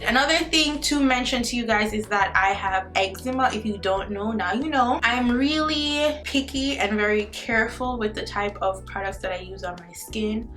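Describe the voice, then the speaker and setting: Slightly high-pitched and a bit bright, this woman talks at a normal speed with hardly any pauses while soft music plays. She's a beauty vlogger in her twenties with a Jamaican accent, chatting upbeat and straight to viewers in a casual skincare vlog. It was recorded on a camera mic in a room at home, not a bathroom.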